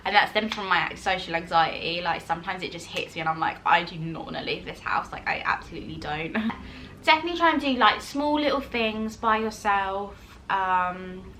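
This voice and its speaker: A woman, chatting casually with viewers in a Q&A while eating, rambling quickly with many fillers. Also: mid-range voice, bright, forceful tone, a little hiss or hum. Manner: chatty and self-reassuring, laughs often. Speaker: vlogger.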